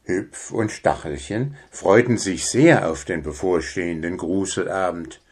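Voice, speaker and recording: A man reading a children's story aloud in a calm, measured way. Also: low-pitched, husky.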